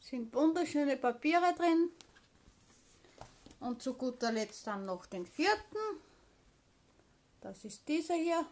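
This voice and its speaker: Woman vlogger w a highish voice, casual haul chat, informal and explainy. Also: lively intonation, slow, pauses often, darkish tone.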